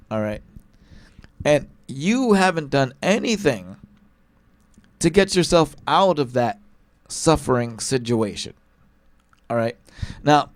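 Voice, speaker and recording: A man's voice: mid-range voice, no room sound. A male talk show host giving an emphatic political commentary monologue, hammering one point again and again and tagging his lines with "all right?" and "okay?".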